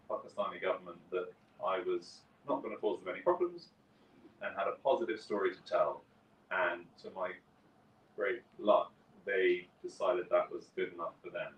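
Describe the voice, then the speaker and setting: A man in his forties speaks in a very low voice, wry and conversational as he tells his story at a conference. He sits well back from the mic in an echoing hall. A faint hum of room ambience runs underneath. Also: fairly bright tone, recorded from a distance. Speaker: guest speaker, journalist. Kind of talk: conference talk.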